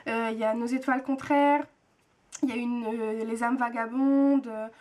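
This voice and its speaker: A woman's voice: a little high, steady tone, moderate pace, darkish tone. A young woman from France chatting casually to her viewers, hesitant with many fillers and repeated words. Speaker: book and TV vlogger. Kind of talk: casual chat to camera.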